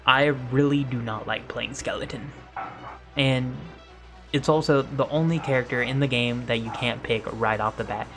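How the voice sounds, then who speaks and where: A tired man giving casual, blunt tier list commentary for a gaming video in a monotone voice, with many filler pauses. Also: mid-range voice, faint music behind.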